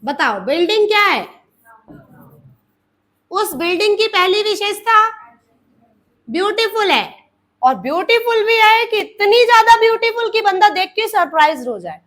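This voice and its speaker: Woman, grammar teacher, very high pitch, acts out example sentences, addresses students fondly. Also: big pitch swings, a little slow, long pauses, fairly bright tone. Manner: explains with acted examples, calls students "beta". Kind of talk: grammar lesson for exam students.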